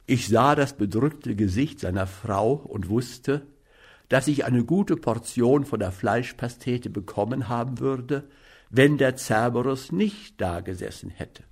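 A man reading a literary story aloud as narrator, in measured, even storytelling. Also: mid-range voice, breathy edge. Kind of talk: audiobook narration.

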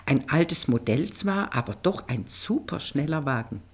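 Woman, audiobook narrator, low voice, lively intonation, storytelling. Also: a little slow, slightly rough. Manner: expressive, storytelling.

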